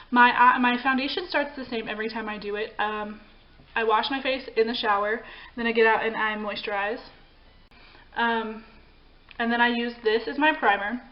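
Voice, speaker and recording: A young woman chatting casually through a makeup tutorial, rambling with frequent ums and restarts. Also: on the high side. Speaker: beauty vlogger. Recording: slightly dull home recording with faint background hiss.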